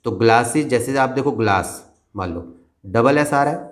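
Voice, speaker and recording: A man's voice: medium pitch, moderate pace. A man teaching a basic grammar lesson to children, patient and repetitive, often checking that they have understood.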